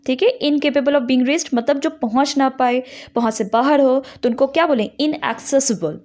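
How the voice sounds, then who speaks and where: Female vocabulary teacher, slightly high voice, slow read-outs followed by quiz-style questions. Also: a little mellow. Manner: reads English definitions slowly, then explains and quizzes with repeated questions. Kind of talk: bilingual vocabulary lesson.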